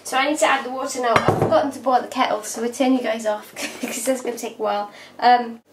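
A woman's voice: on the high side, steady tone, quick pace. A woman in her thirties chatting casually as she cooks in her home kitchen. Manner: chatty, talks while working. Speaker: cooking vlogger. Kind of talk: casual cooking demonstration. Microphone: camera mic from across the room. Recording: echoey kitchen, distant mic, noisy. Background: clatter of pots and cutlery.

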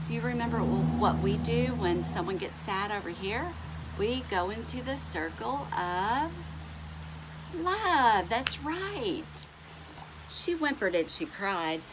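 At home on a couch, a middle-aged woman reads a picture book to little ones at an unhurried pace, stretching words and asking the children questions as her mid-range, fairly bright voice swoops up and down. The home recording is rough, with clear noise behind her.

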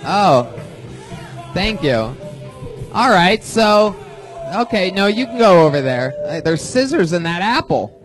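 A man hosts a live comedy show with a raised, fairly high voice. He talks at an easy, unhurried pace, exclaiming and laughing as he reacts. Faint band music plays behind him. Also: big pitch swings. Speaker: host.

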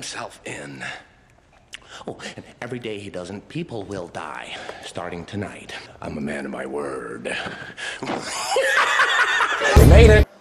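An actor playing a scarred, unhinged criminal clown in a film, his speech erratic, drawling, and breaking into sudden shouts and whispers. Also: medium pitch, background noise. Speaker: villain. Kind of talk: film acting. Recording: film dialogue with score behind. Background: film score music.

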